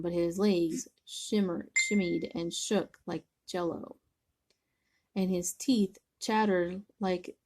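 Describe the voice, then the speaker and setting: An older woman, a grandmother, reading a picture book aloud slowly and gently, sometimes stumbling over words. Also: medium pitch. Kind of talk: storybook read-aloud.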